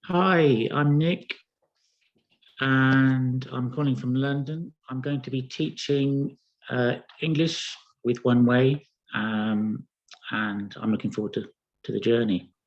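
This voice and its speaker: A man introduces himself hesitantly over a muffled video call. He talks very slowly at an average pitch. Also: fairly even intonation. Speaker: volunteer English teacher. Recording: dull video-call audio.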